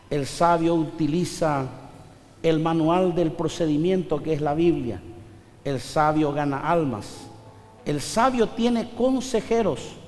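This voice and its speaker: A man preaching a sermon as pastor, moving between soft asides and loud, high-pitched exhortation. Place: church hall. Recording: reverberant church hall with faint music.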